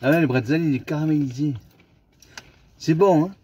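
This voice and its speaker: A man's voice: on the high side, moderate pace, husky, dull audio. Man talking while chewing. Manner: relaxed, chatty, repeats himself. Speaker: vlog co-host. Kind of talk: casual food-tasting chat.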